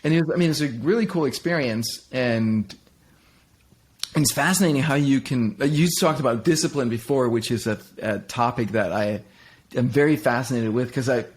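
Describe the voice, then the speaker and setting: A middle-aged Danish man speaks candidly as an interview guest, reflecting on his life. His husky, mid-range voice moves at a normal speed, with frequent restarts and fillers.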